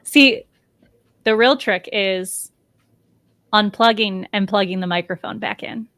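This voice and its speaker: A woman's voice: medium pitch, slow pace, a bit bright. A woman co-hosting a live-streamed podcast, chatting casually and laughing easily. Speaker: podcast co-host.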